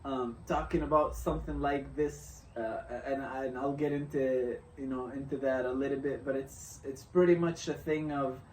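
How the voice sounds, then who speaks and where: A young man from Syria talking through a reflective motivational vlog, halting and restarting often as he thinks aloud. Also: medium pitch, steady tone, far from the mic, slight background noise. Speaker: vlogger. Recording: roomy echo, off-mic, faint ambience.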